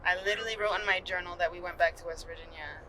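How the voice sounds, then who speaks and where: A woman's voice: on the low side, fairly even intonation, racing, sharp tone, slight background noise, low-quality recording. A young woman co-hosting a casual father-daughter podcast, telling a road trip story in a chatty, joking way. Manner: chatty, playful, jokey storytelling. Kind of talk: casual chat.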